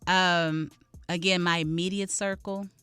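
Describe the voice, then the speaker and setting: A woman guest on a radio show, a health practitioner giving measured, thoughtful answers in casual conversation. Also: fairly low pitch, steady tone, fairly bright tone, clean tone, dry recording. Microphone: studio mic.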